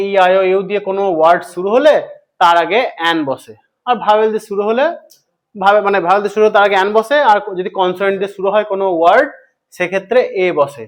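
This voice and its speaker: Bengali guy teaching english grammar, pretty high voice, keeps asking questions n answering them. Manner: asks questions to students and answers them himself; repeats points slowly for emphasis. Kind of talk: explanatory grammar lesson.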